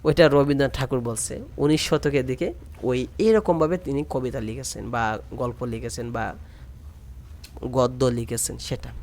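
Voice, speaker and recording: A man's voice: mid-range voice, moderate pace, a little mellow. A young man teaching an exam-prep grammar lesson, explaining step by step and repeating key terms.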